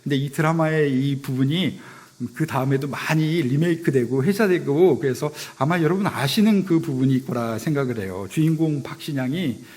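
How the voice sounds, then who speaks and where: A man's voice: on the high side, normal speed, darkish tone. A man in his thirties giving a sermon to young adults, telling stories in a casual, self-deprecating way. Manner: conversational storytelling, self-deprecating. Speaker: pastor.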